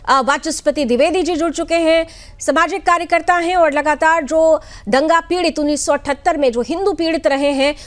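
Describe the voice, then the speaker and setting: Really high pitched lady anchor grilling panelists on a tv debate, keeps cutting in. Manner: pressing, interrupting, repeats questions insistently. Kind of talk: televised panel debate moderation. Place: TV studio.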